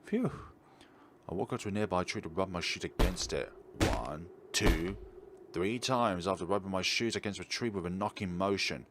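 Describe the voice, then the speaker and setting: This gaming video host has a low-pitched voice and speaks at a moderate pace while he reads story text, acts out characters' lines and comments along the way. The background is noisy, with game music playing loudly under his voice.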